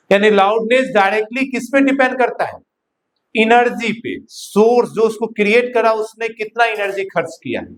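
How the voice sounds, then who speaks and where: A man teaching a physics class in a Hindi-English mix with an Indian accent, dictating notes slowly and often asking students whether they follow. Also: sits high. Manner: slow dictation of notes, checks understanding with repeated questions. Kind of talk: classroom lecture.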